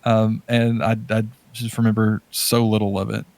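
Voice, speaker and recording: This podcast co-host chats loosely about films, movies, and games, hesitating, rambling, and frequently rephrasing what he just said. His voice is fairly low and darkish, with vocal fry, little pitch movement, and normal speed. There's no echo.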